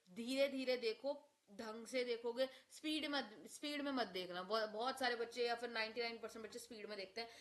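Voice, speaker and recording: A woman teaches a maths lesson. Her voice is high and bright. She walks through each step, asks her students questions and then answers them herself. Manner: addresses students as beta. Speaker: maths tutor.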